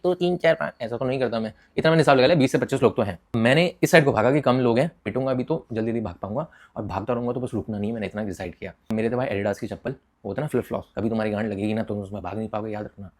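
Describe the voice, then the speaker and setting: Rapid, lower-voiced young Indian guy telling a crude, animated story to camera. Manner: animated, mixes English into Hindi, swears freely. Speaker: vlogger telling a personal story. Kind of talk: casual storytelling with crude slang.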